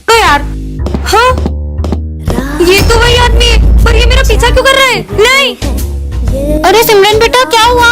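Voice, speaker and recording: Woman playing a scared high-voiced schoolgirl. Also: unhurried, long pauses. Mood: anxious. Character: frightened young schoolgirl. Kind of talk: comedy skit acting. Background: background music.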